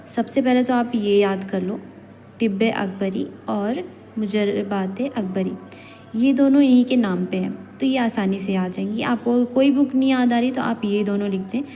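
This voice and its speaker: Kashmiri-accented woman teacher, higher mellow voice, patient classroom lecture with long reverb and a faint hiss. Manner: patient, chatty teacher mixing Hindi and English. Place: college lecture room. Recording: hall reverb, faint background noise.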